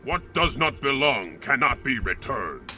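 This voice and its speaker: A man's voice: medium pitch, sing-song, a little slow, pushed and bright, faint music behind, full character voice. A man voicing a cryptic, spirit-like alien being in a video game, speaking in riddles. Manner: riddling, oracular.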